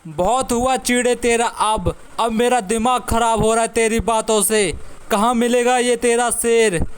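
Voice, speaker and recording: A man's voice: extremely high pitch, fairly even intonation, measured pace, clear, resonant tone. A man voicing a boastful, cruel bull elephant in a cartoon who threatens and laughs mockingly. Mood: angry. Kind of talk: cartoon voice acting.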